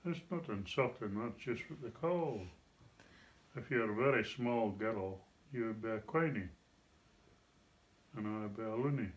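An elderly man from North East Scotland with a broad Scots Doric accent, explaining things in a measured way in casual chat at home. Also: fairly low pitch. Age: 70s or older. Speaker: grandfather. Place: living room at home, seated in an armchair. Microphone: phone camera a short way off.

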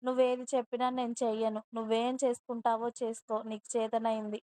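A woman's voice: on the high side, level tone, a little fast, mellow, clear, resonant tone, dry recording, close to an everyday voice. A woman reading a storybook and voicing a spoiled, defiant young rich wife with haughty, scornful retorts. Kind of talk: storybook narration with dialogue.

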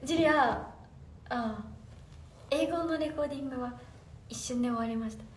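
A high-voiced, bubbly young woman hosts a casual phone livestream chat, answering fan comments she reads aloud with giggles at a normal speed. She's a little off and distant from the mic, so the echoing room and a faint background hum come through.

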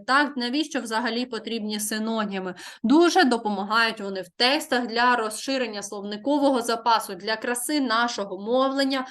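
A woman with a fairly high voice teaches a primary school language lesson. She stretches key words out slowly and clearly, as if for dictation. She asks the class a question and then gives the answer herself. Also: fairly bright tone. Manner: slow, careful, dictation-like. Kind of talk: online Ukrainian language lesson.

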